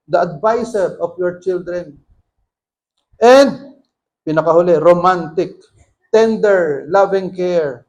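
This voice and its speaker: A man's voice: high-pitched, a little mellow. A man preaching as pastor, mixing Tagalog and English and putting rhetorical questions to the congregation. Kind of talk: sermon.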